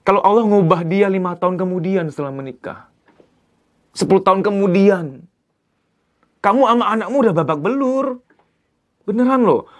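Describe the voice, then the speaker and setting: A man giving a lively psychology lecture as a therapist, emphatic and conversational. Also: sits high, moderate pace, pauses often. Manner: animated, acts out quoted dialogue in other voices; colloquial, emphatic "gitu loh" asides.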